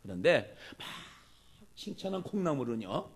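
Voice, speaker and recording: Gravelly, lively male pastor preaching. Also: mid-range voice, normal speed. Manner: animated, acts out quoted speech. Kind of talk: sermon.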